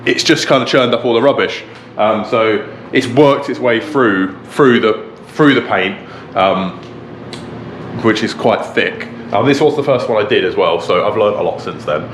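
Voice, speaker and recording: A man's voice: lowish voice, normal speed. A man chatting casually to camera, explaining things in an informal, rambling way. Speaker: car restoration vlogger, presenter. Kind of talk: casual vlog talk to camera. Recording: roomy echo, faint background noise.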